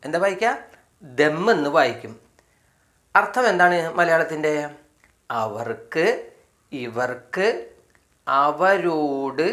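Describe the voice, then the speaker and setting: A teacher explaining English words step by step in a spoken lesson, with a Malayali accent, slowly repeating each item and asking questions he answers himself. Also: mid-range voice, a bit bright. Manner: slow, repetitive, asks questions and answers them himself. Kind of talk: spoken phonics lesson for beginners.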